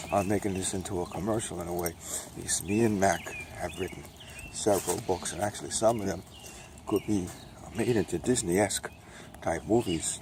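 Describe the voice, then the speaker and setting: This is a casual, rambling dog-walk vlog from an older man from Brooklyn, a self-published author hawking his own books. Amid background noise, he leans on tongue-in-cheek salesman talk and returns again and again to the same catchphrase.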